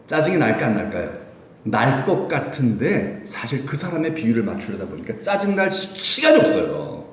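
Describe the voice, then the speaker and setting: A man preaching a Sunday sermon in an animated way, laughing often and asking the congregation questions, in a church sanctuary. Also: fairly high pitch, slight background noise. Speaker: pastor. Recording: very echoey church hall.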